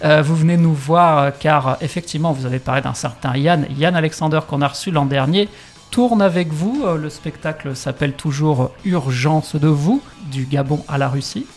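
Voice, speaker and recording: Male radio host, high-ish voice, breezy and joking, laughs a lot, faint music beneath. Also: normal speed. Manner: jokey, laughs often, stumbles on words. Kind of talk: casual radio chat. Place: radio studio.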